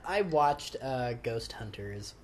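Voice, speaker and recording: A man's voice: medium pitch, lively intonation, slow. A man giving casual film commentary as the director, rambling informally and trailing off, recorded on a handheld recorder in a living room. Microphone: handheld portable recorder in the room.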